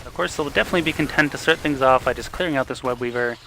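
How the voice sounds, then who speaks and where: A young man casting a live esports match with the hiccups, calling plays quickly and getting excited during fights. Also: mid-range voice, slight background noise. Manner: rapid excited play-by-play that rises in fights. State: has the hiccups. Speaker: esports caster.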